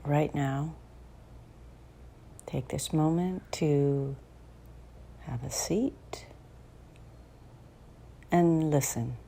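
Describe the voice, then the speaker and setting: Leading a guided meditation, a woman speaks in a low, soft, soothing voice, taking her time and leaving long pauses. Now and then she drops almost to a whisper. Faint background noise and ambience can be heard.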